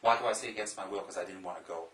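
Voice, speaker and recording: Bright-voiced man giving a Dharma talk. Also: deep voice, roomy sound, rough recording. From Taiwan. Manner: slow, emphatic, repeats phrases, joking asides. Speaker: Buddhist monk teacher.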